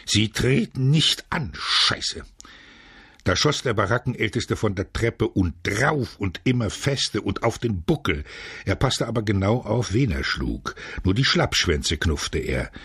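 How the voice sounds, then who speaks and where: A man reading a novel aloud as scripted narration, measured and steady, switching to loud shouts for quoted lines. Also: on the low side, husky, dry recording, studio quality. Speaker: audiobook narrator.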